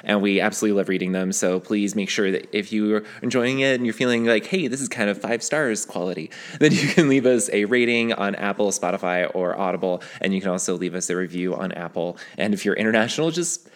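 Low-voiced man co-hosting a casual podcast. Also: fast talker, hardly any pauses, smooth. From United States. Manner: chatty, lighthearted, laughs often. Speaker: podcast co-host.

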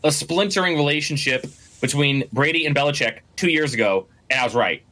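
A man with a bright, forceful voice riffs on sports news in a loose podcast chat. He rambles, restarts his sentences and swears freely. His pitch sits a touch above the usual for a man. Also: a little fast. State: has the hiccups. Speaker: podcast co-host.

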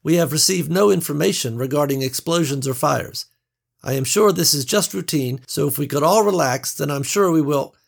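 A man voicing a composed female flight attendant making calm, even announcements to passengers. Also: on the high side, moderate pace, creaky, pitched above the performer's own voice. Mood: calm, official.

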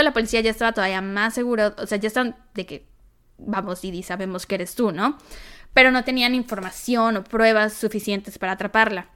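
A woman with a Mexican accent, co-hosting a podcast and retelling a true-crime case in a chatty, animated way with asides. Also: mid-range voice, smooth. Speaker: podcast co-host. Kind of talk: casual true-crime storytelling.

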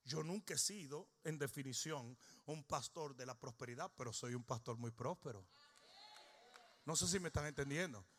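A male pastor, preaching a humorous sermon that swings from shouting to low, joking storytelling. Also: normal speed.

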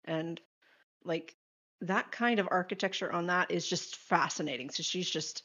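A woman's voice: on the low side, moderate pace, fairly bright tone, slightly rough. A woman playing a character in a tabletop game, chatting casually. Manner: casual, rambling. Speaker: player. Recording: dull lo-fi mic.

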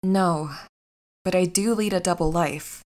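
An actress playing a patient, earnest young superhero bride in an audio drama. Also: female voice, fairly low pitch, measured pace, a little mellow, close to an everyday voice.

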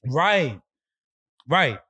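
A man with a New York accent trades teasing jabs in loose podcast banter, his voice pitched high and swooping widely. There is a husky, rough edge to it. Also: very animated, extremely slow, sharp tone, no echo. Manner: teasing, argumentative, street slang. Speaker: podcast co-host. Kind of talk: casual banter.

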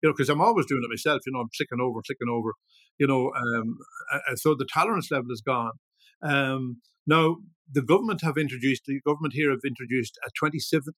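Seventy-year-old Irish man, halting and rambling. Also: mid-range voice, a bit bright, dry recording. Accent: north-west of Ireland. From Ireland, grew up in Ballyshannon, County Donegal. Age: 70s. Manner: halting, rambling, often repeats words. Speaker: guest, veteran musician. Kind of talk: casual reminiscing interview chat.

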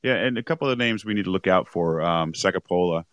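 A man co-hosting a rugby podcast, rambling and correcting himself, a little hoarse as he is losing his voice. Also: on the low side, fast talker, fairly bright tone, no room sound, dull audio. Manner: rambling, self-correcting, chuckles often. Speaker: podcast co-host. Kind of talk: casual rugby chat.

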